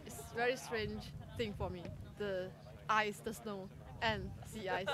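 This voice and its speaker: An earnest woman student with a Malaysian accent speaks at a middle pitch in plain, simple phrasing. Crowd chatter fills the background behind her. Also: steady tone, unhurried. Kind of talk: interview.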